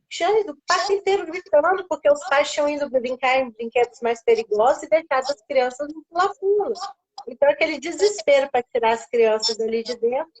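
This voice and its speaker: Brazilian woman on a live, high voice, shares a faith testimony, does the voices of people she quotes. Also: fairly quick, poor audio. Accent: Brazilian Portuguese. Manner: storytelling, acting out quoted voices. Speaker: guest on a live stream.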